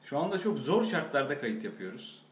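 A man's voice: fairly high pitch, big pitch swings, brisk. A man co-hosting a comedy podcast, teasing his partner with dry corrections in a cramped, stuffy room. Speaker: podcast co-host. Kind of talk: casual comedic chat. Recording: echoey room with faint background hiss.

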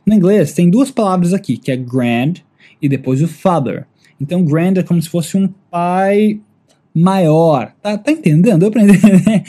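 Playful, slow-drilling Brazilian male teacher. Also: a little high, mellow. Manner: playful, laughs often, repeats words slowly for drilling. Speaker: English teacher. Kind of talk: casual English lesson for Portuguese speakers.

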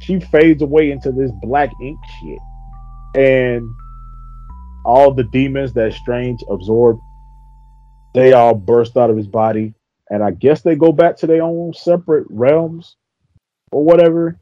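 A man hosting a podcast, casually retelling an episode with lively slang and swearing. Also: medium pitch, measured pace, pauses often, dry recording, faint music behind. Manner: animated storytelling with slang and swearing. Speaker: podcast host. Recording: dull lo-fi podcast audio.

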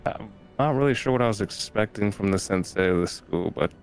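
A man playing his character in a tabletop game, speaking hesitantly with many pauses. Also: lowish voice, faint music behind. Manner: hesitant, halting speech. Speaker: player.

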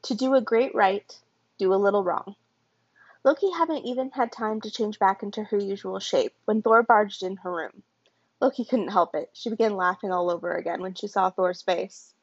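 A woman reading a chapter of fan fiction aloud in a steady storytelling manner. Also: mid-range voice, moderate pace, dry recording. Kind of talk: audiobook-style story narration. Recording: dull lo-fi home recording.

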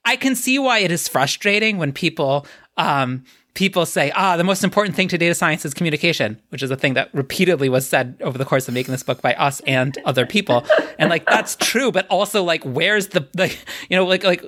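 A man's voice: on the high side, animated, brisk, sharp tone. A man co-hosting a podcast in casual chat, rambling with many fillers and laughing often. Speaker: podcast co-host.

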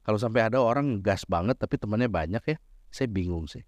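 Middle-aged male pastor, animated joking preacher, slightly high voice, dry recording. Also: fast talker, dry recording. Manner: lively, mixes Indonesian with English phrases, jokes with the congregation. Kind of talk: sermon.

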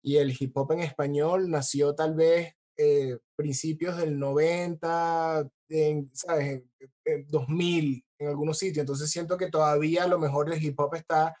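A man with a fairly high voice co-hosts a casual chat. He sounds easygoing, and his sentences sometimes drift off unfinished. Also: fairly even intonation, unhurried, darkish tone. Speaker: podcast co-host.

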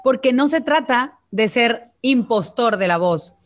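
A woman's voice: fairly high pitch, lively intonation, a little slow. A woman from Venezuela, a vocal coach and guest, talking in a coaching tone and addressing listeners directly in a live online interview.

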